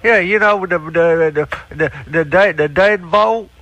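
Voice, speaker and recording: A man's voice: high voice, a little slow, a bit bright, dry recording. A man voicing a dim-witted, whiny little-brother character in a prank call, stammering and repeating words in broken grammar with a dopey cartoonish voice. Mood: dim, earnest.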